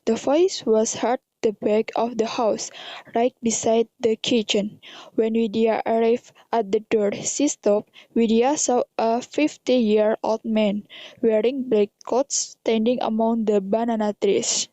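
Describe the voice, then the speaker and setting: A young Indonesian-accented woman narrates an amateur radio drama in a fairly high, mellow voice, reading in a stilted way at a slow pace with a steady tone. The recording sounds dull and dry.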